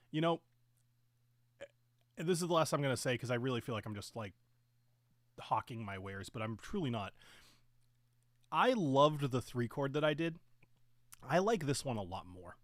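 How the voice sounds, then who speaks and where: A man with a medium-pitched voice hosts a casual whiskey tasting live, his pitch swinging widely while he speaks at a measured pace with long pauses. He rambles with fillers and self-corrections, chewing and sipping as he talks and sometimes speaking with a full mouth. The sound is studio quality, with no echo.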